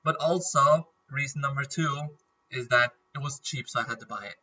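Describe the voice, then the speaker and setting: A man chatting casually through a game as a YouTuber, rambling and clearing his throat often with a nagging cough. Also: medium pitch, moderate pace, bright, forceful tone, recorded from a distance, dull audio. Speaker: gaming YouTuber.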